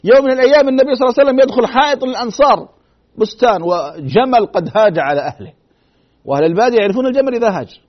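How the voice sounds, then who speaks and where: A man with a high voice lectures at a rapid clip, telling religious stories with drama. He drops to a near hush, then swells loud again, and keeps asking his audience rhetorical questions. The sound is dull and lo-fi, like an old broadcast. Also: expressive. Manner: dramatic, swings between loud emphasis and hushed tones, rhetorical questions.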